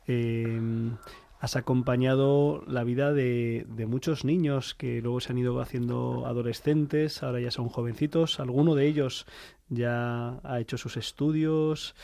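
A male radio host asks his guest gentle questions, pausing on soft fillers. His voice is mellow and dark and sits at a middle pitch. The studio sound is dry and close. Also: gravelly, no room sound. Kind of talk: interview questions.

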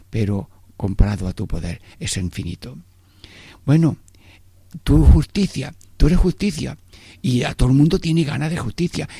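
A man's voice: mid-range voice, gravelly, mellow, slightly rough, dry recording. A male priest giving a prayerful sermon, often speaking directly to God as a meditation.

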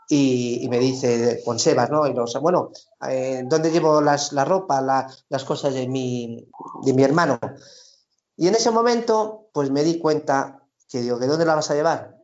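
A middle-aged man, a priest, telling a personal story in a halting way with many restarts and fillers. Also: mid-range voice, darkish tone. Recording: dull lo-fi recording.

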